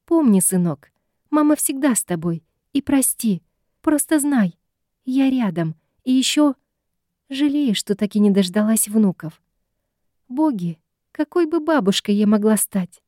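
A meddling, fond ghost mother from a fantasy audiobook, gushing in a lifted, theatrical voice, put on by a woman reading. The tone stays mellow and soft-edged. It is recorded dry and close, with no room around it. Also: on the high side, expressive, unhurried, no room sound, voice pushed up. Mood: tender.

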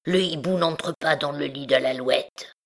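A woman voicing a deformed, deaf hunchbacked man, speaking in a rough voice kept very soft and half-whispered. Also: deep voice, a little slow, exaggerated voice. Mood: humble. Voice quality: rough voice spoken very softly. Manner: hushed, half-whispered pleading. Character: deformed deaf hunchbacked male bell-ringer, timid and sorrowful.

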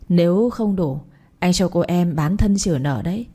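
A brutal male debt collector in a storybook reading, crude and menacing. A woman voices him in a low, breathy voice with a dark, mellow tone. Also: moderate pace. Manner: threatening, crude. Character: brutal male loan-shark thug, menacing.

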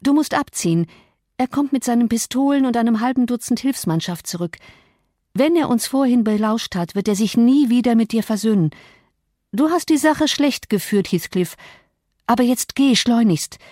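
A proud, volatile young woman, voiced by a woman reader, snaps in a cutting, imperious tone, pitched noticeably higher than a plain reading voice. The audiobook recording is dry and close, with no room sound. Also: animated, moderate pace, dark tone, no room sound, close to an everyday voice. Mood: urgent.

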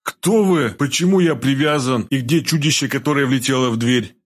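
A man's voice: medium pitch, expressive, normal speed, husky, pitched above the performer's own voice. A man voicing a frantic, desperate captive. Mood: bewildered. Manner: raised, pleading then raging.

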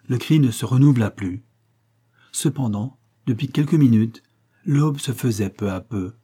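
A man narrating an audiobook in a measured, dramatic reading. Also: medium pitch, dark tone, slightly rough.

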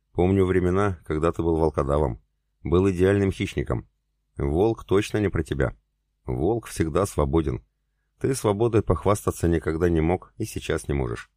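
A man voicing a cool, mocking older male commander in an audiobook, speaking in a calm, taunting way. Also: low voice, moderate pace, dry recording, studio quality.

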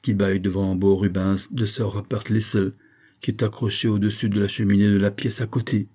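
A man reading aloud voices an effusive, flattering middle-aged army major with a theatrical, gushing manner. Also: lowish voice, fairly quick, lightly acted. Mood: jovial.

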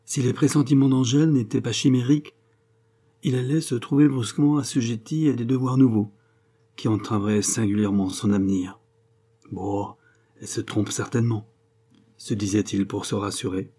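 A man narrating an audiobook chapter in a measured, even reading. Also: mid-range voice, husky. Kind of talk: scripted narration.

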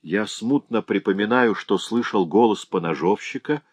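A man's voice: on the low side, normal speed, dry recording, natural voice. A man reading an audiobook, voicing a noble young prince who speaks urgently and demands to be obeyed. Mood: anxious commanding.

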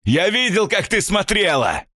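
A man's voice: sits high, very animated, unhurried, sharp tone, no echo, studio quality, pitched above the performer's own voice, heavily acted. A man voicing a hysterical, threatening stranger who screams from behind a closed door, his voice muffled through it. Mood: raving, threatening. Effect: muffled, heard through a closed door. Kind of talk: horror audiobook narration.

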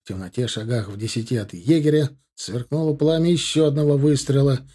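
A man narrating an audiobook in a measured, even storytelling manner. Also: mid-range voice, husky.

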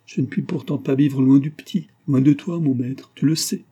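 A man's voice: medium pitch, steady tone, moderate pace, mellow, husky, pitched above the performer's own voice, natural voice. A man voicing an old, grieving female servant who pleads in a muffled voice in a storybook reading. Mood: pleading.

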